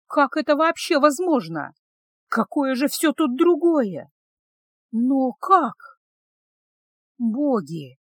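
A woman's voice: high-pitched, very animated, takes it slowly, pauses often, no echo, clean studio sound, pitched above the performer's own voice, full character voice. A woman voicing a flustered young herbalist whose anxious thoughts race. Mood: panicked. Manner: breathless, racing inner thoughts.

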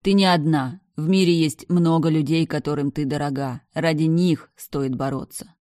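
Woman voicing a gentle young brother in an audiobook, soft and reassuring, low dry voice. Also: fairly even intonation, moderate pace, no echo, natural voice. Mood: tender. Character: gentle protective dead older brother, tender young man. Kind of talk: audiobook character reading.

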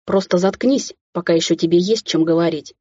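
A domineering, short-tempered man, as a woman reader puts him on in an audiobook. He talks curtly, in a low, growling hiss, with a husky voice. The recording is dry and slightly dull. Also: fairly quick, warm tone, no echo, lightly acted. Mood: irritated. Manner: curt, growling, hissing.

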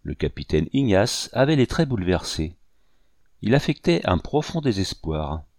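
A man reading a historical novel aloud in measured, even narration. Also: deep voice, no echo, clean studio sound. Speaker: audiobook reader. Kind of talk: scripted narration.

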